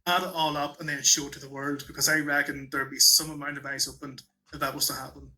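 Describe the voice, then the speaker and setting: A man's voice: mid-range voice, little pitch movement, quick pace, sharp tone, poor audio. A man commenting casually in a plain-spoken way.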